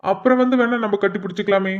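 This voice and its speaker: A man voicing a joking cartoon husband, high voice. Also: steady tone, fast, lightly acted. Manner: chatty, joking asides. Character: teasing young husband and father. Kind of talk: cartoon voice acting. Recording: dull lo-fi recording.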